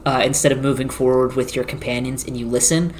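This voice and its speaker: A game master narrating a tabletop game, describing a scene in slow, searching phrases with filler words. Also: mid-range voice, level tone, a little hiss or hum.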